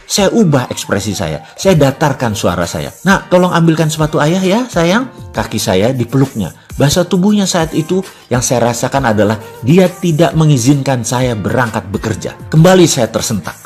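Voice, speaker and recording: A middle-aged man telling a personal story in a reflective, animated way. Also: mid-range voice. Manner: reflective, animated storytelling with acted-out inner voices. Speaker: business speaker.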